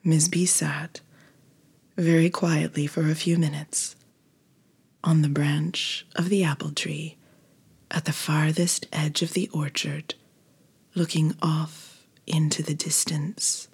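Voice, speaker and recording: A woman reading a storybook aloud in a soft, gentle whisper. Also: low-pitched, flat delivery, slow pace, creaky, pauses often, slightly rough.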